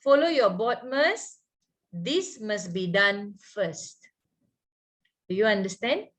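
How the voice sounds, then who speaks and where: A woman's voice: mid-range voice, expressive, slow pace, fairly bright tone. A woman with a Malaysian accent teaching a live maths lesson step by step, colloquial, with local particles and frequent check questions.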